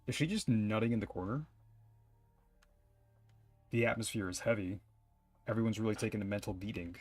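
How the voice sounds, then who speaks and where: Reading game dialogue aloud on stream, a young man with a lowish, darkish voice talks fairly quickly and tosses in dry, casual remarks, sometimes swearing. Faint game music can be heard in the background.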